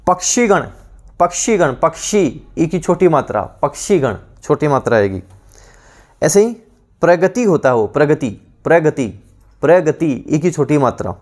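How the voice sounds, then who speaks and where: Repetitive drilling male teacher, higher voice. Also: expressive, a little slow. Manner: repeats each word several times, drilling. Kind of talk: online exam-prep lesson.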